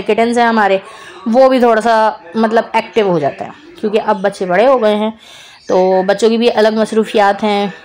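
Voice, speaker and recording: A woman's voice: mid-range voice, darkish tone. A woman in her thirties, a mother narrating her family vlog as a casual voice-over, chatty and repetitive with fond teasing. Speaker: vlogger, mother.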